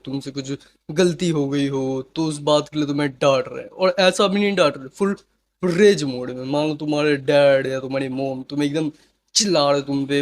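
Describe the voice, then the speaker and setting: A man's voice: on the high side, a little hiss or hum. A young man talking casually to camera, giving motivational advice in a chatty way and often checking in with the listener. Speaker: self-help vlogger.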